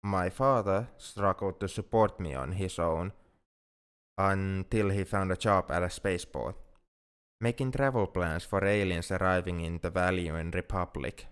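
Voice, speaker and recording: Here a man plays a timid, self-reproaching young alien for an ASMR audio drama, his words halting but sincere. The low-pitched voice moves at a measured pace with a clean tone, and the mood is sad and wistful.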